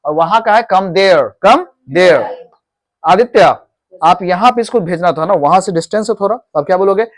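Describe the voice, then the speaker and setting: A man's voice: sits high, expressive, normal speed. A man teaching English to pupils in a classroom, mixing Hindi and English and having them repeat after him. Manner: drills pupils with call-and-repeat questions.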